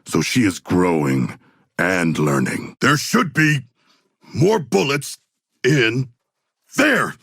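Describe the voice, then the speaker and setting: An actor playing a huge, noble and bloodthirsty shark warrior in a video game, deep and gravelly, with formal, grandiose diction. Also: male voice, sing-song, slow, pauses often, a bit bright, no room sound, studio quality, exaggerated voice. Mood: bold, booming.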